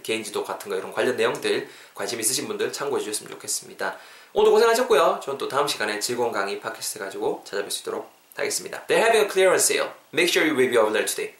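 A man hosting a podcast English lesson who explains in lively Korean and drills short English phrases slowly for listeners to repeat. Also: mid-range voice. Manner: animated, switches between Korean and slow drilled English phrases. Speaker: English teacher, podcast host. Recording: roomy echo.

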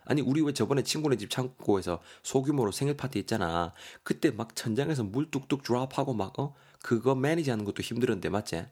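A man's voice: medium pitch, lively intonation, quick pace, hardly any pauses, a little mellow, breathy edge. A man voicing a young man with an upset stomach, groaning and chatting casually. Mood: chatty.

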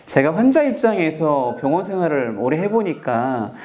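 A man in his forties, a dermatologist guest on a talk show, telling a personal story in a measured, earnest way with many fillers. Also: on the high side, very animated, darkish tone. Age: 40s.

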